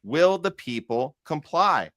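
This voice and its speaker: Male news countdown host, higher register, dry recording, sardonic commentator who stumbles through his reads. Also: sing-song, takes it slowly, fairly bright tone, dry recording. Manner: sardonic asides. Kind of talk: top news countdown, reading stories with ad-libbed commentary.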